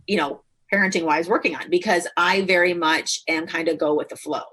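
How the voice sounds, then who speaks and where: A woman's voice: fairly low pitch, fairly even intonation, fairly quick, a bit bright. A middle-aged woman hosting a casual podcast, chatting with many fillers and frequent laughs. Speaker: podcast host.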